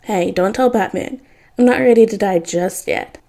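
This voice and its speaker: A woman's voice: mid-range voice, moderate pace, vocal fry, mellow, natural voice. A woman reading fan fiction aloud, voicing a jumpy, joking young male speedster.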